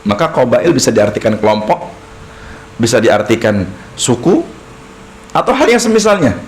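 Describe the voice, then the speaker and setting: Preacher in an echoey mosque. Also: male voice, medium pitch, moderate pace, slight background noise. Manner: lively, acts out short dialogues, asks and answers himself. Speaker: Islamic preacher teaching creed. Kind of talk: mosque study lecture. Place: mosque hall.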